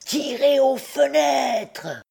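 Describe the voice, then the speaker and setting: A brash, bossy king of the bandits barks orders in loud, commanding bursts, as a woman reading aloud puts him on. His voice sits a little higher than an everyday speaking voice and is pushed hard on the shouted lines, drawn out slowly for effect. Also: gravelly.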